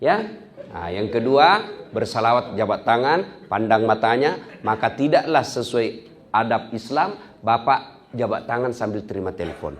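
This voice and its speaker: A man preaching a lively sermon, swinging from loud high exclamations to soft low asides and acting out quoted voices. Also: normal speed. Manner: acts out quoted voices in his teaching. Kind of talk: lively sermon at an office gathering.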